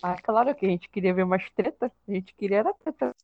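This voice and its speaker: A woman's voice: mid-range voice, expressive, a little fast, creaky, no room sound. A woman guest on a casual podcast chat, teasing the host and recalling a funny night. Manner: laughing, teasing recollection. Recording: dull lo-fi app recording.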